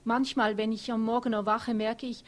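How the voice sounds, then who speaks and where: A woman's voice: fairly high pitch, little pitch movement, normal speed, voice pushed up, close to an everyday voice. A woman voicing an upset young empress. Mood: grieving. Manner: agitated, defensive, later mournful.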